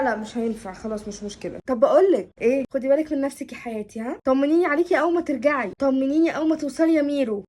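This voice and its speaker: A young woman with an Egyptian accent, acting out several friends in a comedy sketch with quick, expressive delivery. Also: sits high. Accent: Egyptian Arabic.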